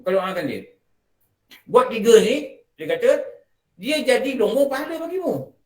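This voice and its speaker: In a prayer hall one morning, a man with a Malaysian Malay accent lectures on religion in a conversational way, often putting questions to his audience. He is a religious teacher with a very high-pitched voice that swings widely in pitch, and he speaks at a normal speed.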